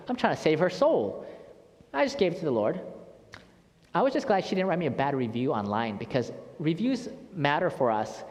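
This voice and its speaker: A middle-aged man, a church outreach director, telling stories in a casual testimony talk, animated and often restarting his words. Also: a little high. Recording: long hall reverb.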